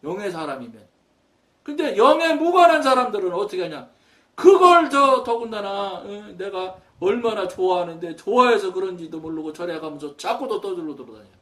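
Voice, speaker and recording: A middle-aged man preaches in a high voice. He tells his story with quoted dialogue, jumping up for emphasis and then dropping soft. He sounds set back from the microphone. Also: very animated, moderate pace, recorded from a distance. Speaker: pastor. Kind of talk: sermon.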